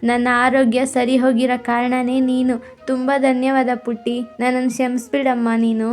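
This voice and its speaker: Woman as storybook mother, remorseful, pleading, high voice, faint music behind. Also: little pitch movement, moderate pace, a little mellow, close to an everyday voice. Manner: pleading, apologetic. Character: remorseful mother begging her daughter's forgiveness. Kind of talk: storybook character voice.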